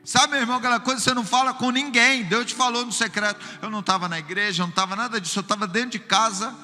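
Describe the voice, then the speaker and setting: A high-pitched Brazilian man preaches a sermon and tells lively, humorous stories. He keeps calling his listeners brother. His voice rings through a reverberant church hall with faint music behind. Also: very fast. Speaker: pastor.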